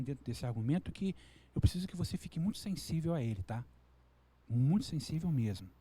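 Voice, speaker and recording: Brazilian male pastor, earnest sermon delivery, mellow slightly high voice. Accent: Brazilian Portuguese. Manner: earnest preaching, acts out quoted people in a higher voice.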